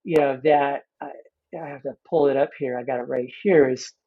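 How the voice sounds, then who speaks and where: A man's voice: medium pitch, steady tone, normal speed, narrow, tinny audio. A man in his fifties, a coach being interviewed, talking in a loose, rambling way full of restarts and "you know". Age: 50s. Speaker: guest coach. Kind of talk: casual interview talk.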